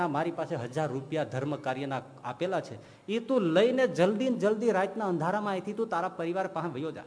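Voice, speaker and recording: Swami preaching in an echoing hall. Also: male voice, high-pitched. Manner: animated storyteller who acts out quoted saints. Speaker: swami giving a religious discourse. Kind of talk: storytelling sermon. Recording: long hall reverb.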